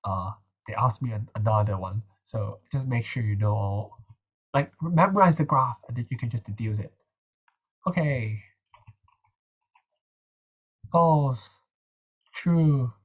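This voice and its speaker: A man's voice: lowish voice, normal speed, breathy edge, muffled recording. A young man with a nasal voice, casually running a revision session and talking through quiz answers with plenty of fillers and restarts. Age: young adult. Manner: chatty, hesitant, many fillers. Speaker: medical student tutor.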